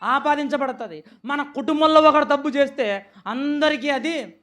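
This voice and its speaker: A man preaching a sermon, firing repeated rhetorical questions and swinging between loud urging and hushed pleading. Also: extremely high pitch, moderate pace. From India.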